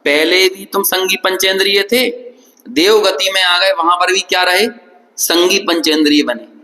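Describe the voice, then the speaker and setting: A man's voice: high voice, steady tone, measured pace, pushed and bright. A man giving a religious discourse in a lecture hall, asking his listeners rhetorical questions and acting out little dialogues. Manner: asks the audience rhetorical questions; acts out dialogues from anecdotes. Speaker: Jain scripture lecturer. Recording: long hall reverb.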